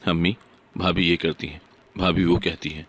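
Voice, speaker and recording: A man's voice: low voice, little pitch movement, a bit bright. A man reading the lines of a spiteful, mocking young sister-in-law in a storybook narration. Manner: mocking, gossiping.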